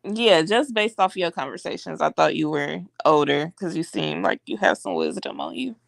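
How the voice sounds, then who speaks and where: Woman, from Oakland, gravelly, dry sound, curious interviewer. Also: lowish voice, normal speed, dry recording. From Oakland, California. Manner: curious, asks questions. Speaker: guest host. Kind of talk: casual chat.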